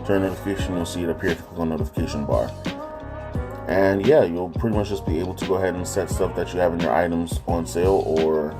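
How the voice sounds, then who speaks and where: A deep-voiced man talks through a game app in a loose, chatty way, often stopping to correct himself. He is recorded on a phone, so the audio is low quality, and guitar music plays behind him. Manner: loose and chatty, frequent ums, corrects himself mid-sentence. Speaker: gaming channel host. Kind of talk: casual game app walkthrough.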